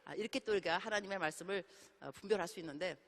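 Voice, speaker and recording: A middle-aged woman missionary preaching a sermon in a church, telling stories in an animated way and acting out the dialogue. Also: fairly low pitch, rapid-fire. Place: church sanctuary. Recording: long hall reverb.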